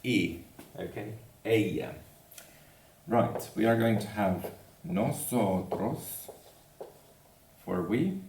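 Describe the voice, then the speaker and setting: Deep gravelly man, unhurried teacher, echoey room, distant mic. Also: darkish tone, slight background noise. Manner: repeats "okay?" after each point, spells out endings slowly. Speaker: language teacher. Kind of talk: slow grammar lesson with board work.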